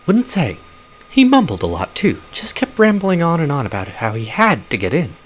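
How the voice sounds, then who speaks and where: A man voicing a shy female dwarf in a game, speaking flatly and a bit higher than his own voice. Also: moderate pace, a little hiss or hum. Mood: wary. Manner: flat, mumbling.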